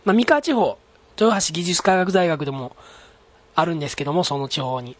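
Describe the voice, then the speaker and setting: A man's voice: a little high, expressive, brisk. A man hosting his own solo podcast in a polite, chatty way, full of fillers, reading out a listener's letter. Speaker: podcast host.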